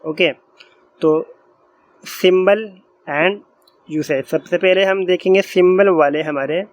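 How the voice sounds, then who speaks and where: A man teaching a grammar lesson, explaining patiently and repeating each point slowly as he writes on a board. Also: high voice. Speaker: Arabic teacher.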